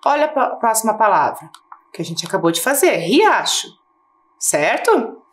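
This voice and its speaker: A Brazilian woman teaches a recorded class for children. Her fairly high voice swings up and down a great deal as she asks questions and patiently drags out each syllable. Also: sing-song. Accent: Brazilian Portuguese. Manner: patient, rising question-and-answer tone, slows to spell out syllables. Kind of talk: recorded lesson for schoolchildren.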